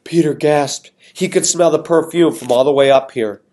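A male teacher reading a novel aloud to his students, expressive and stopping now and then to explain words. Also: a little high, normal speed.

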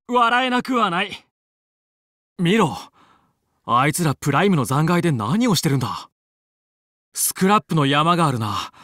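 Video game hero, determined young fox pilot: high male voice, commanding, earnest, dry recording. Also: fairly bright tone, no echo. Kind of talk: Japanese video game voice acting, battle callouts.

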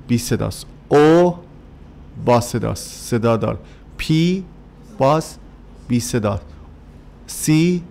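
A man teaching an English workbook lesson to children, speaking Persian with a Persian accent and drilling words and letters slowly, one by one. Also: medium pitch, vocal fry, a little mellow, slight background noise.

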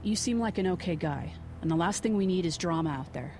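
Woman acting a blunt, low-voiced American reporter. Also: expressive, brisk, mellow, soft background music, close to an everyday voice. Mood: stern warning. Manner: blunt, confrontational. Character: blunt, pragmatic, suspicious female news reporter. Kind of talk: dramatic video game acting.

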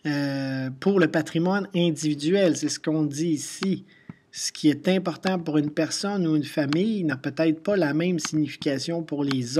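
A man's voice: on the high side, darkish tone, breathy edge. A middle-aged man with a Quebec French accent, teaching a recorded class lesson, explaining patiently with repetition and casual asides. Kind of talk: recorded class lesson walking through slides.

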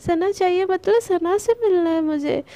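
A woman's voice: very high-pitched, moderate pace, warm tone, no echo, pitched above the performer's own voice. A woman voicing an insistent, talkative young neighbor woman in an audio love story. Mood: pushy. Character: pushy chatty young neighbor woman Manya.

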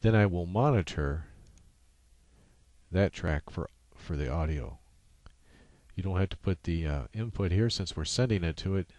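Narrating a screen-capture software tutorial into a USB microphone, a low-voiced man talks casually and improvises each step with halting pauses. His tone is a little mellow, and the sound is dry with no room to it.

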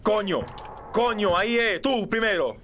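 A man with a Dominican accent chatting excitedly over a game on a livestream, swearing and repeating his short exclamations. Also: high voice, unhurried. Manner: profane, repetitive exclamations. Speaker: livestream host. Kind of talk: excited casual gaming chatter. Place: indoor streaming room. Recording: clicky background noise.

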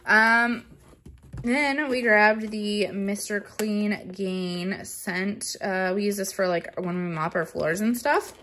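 A woman's voice: mid-range voice, slow pace, a bit bright, slight background noise. A young woman chatting casually through a grocery haul, rambling with many fillers, filmed at home on a phone. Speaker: vlogger. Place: home kitchen counter.

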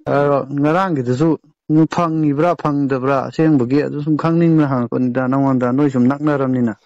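A man chatting casually on a phone call, asking a lot of questions in quick bursts, heard through the phone. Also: mid-range voice, fairly even intonation, a little mellow, no echo. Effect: heard over a phone call. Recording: muffled, dry phone call recording.

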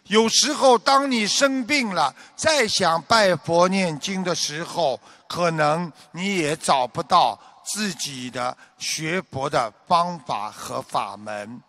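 A man giving a Buddhist dharma talk as a teacher, with a measured preaching delivery that turns animated while he tells a joke. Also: fairly high pitch, no room sound.

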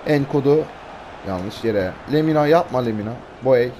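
A hoarse man, giving excitable live commentary over a football video game and shouting out player names in bursts. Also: medium pitch, moderate pace, crowd noise, low-quality recording. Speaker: gaming YouTuber.

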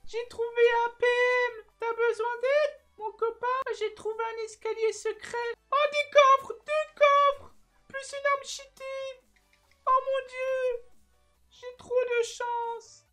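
A man's voice: very high voice, heavily acted. A man putting on the voice of a small boy who whines, begs and squeals in an online game chat, as a prank. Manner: childish, whining, excited squeals. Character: little boy gamer, whiny, crybaby.

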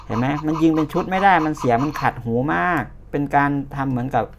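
A man's voice: medium pitch, lively intonation, fast talker, noisy background. A Thai-accented man talking casually as he demos and reviews a toy, pointing things out as he goes. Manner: chatty, hands-on, pointing things out.

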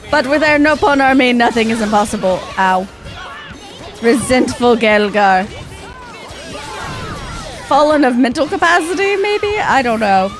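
A young woman commentates casually as she plays a video game. Her voice is a bit high and her delivery is playful and sarcastic. Faint game music runs underneath. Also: lively intonation, a little slow, long pauses, crowd noise. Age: young adult. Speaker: gaming streamer. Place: small room indoors with shelves.

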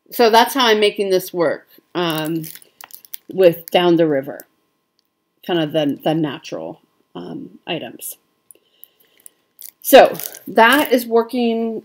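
A woman's voice: lowish voice, slow, long pauses. Chatty Midwestern woman crafter. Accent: Midwestern American. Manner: chatty, with frequent ums. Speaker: cross-stitch vlogger. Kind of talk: casual show-and-tell chat.

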